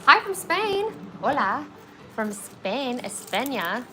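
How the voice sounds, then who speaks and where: With a high, bright, forceful voice that's very animated yet slow, a twentysomething woman preserves flowers on a livestream while chatting with viewers and reading comments. She leans heavily on "like" and keeps asking "okay?", over soft background music in a rough recording.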